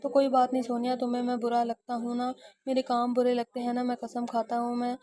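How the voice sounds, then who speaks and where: A woman's voice: fairly high pitch, completely flat delivery, mellow, close to an everyday voice. A woman reading the part of a lovesick gangster man who earnestly pleads his love in an audio novel. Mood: pleading.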